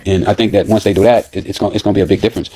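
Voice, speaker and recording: A man talking on a podcast, halting and repeating words as he speaks. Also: sits low, fairly even intonation, mellow, breathy edge. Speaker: podcast guest. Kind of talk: casual podcast talk.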